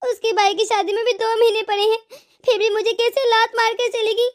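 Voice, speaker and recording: An injured, self-pitying old mother-in-law in a cartoon, played by a woman, tearful and full of remorse. Her voice sits very high and thin. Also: level tone, brisk. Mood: weeping. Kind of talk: cartoon voice acting.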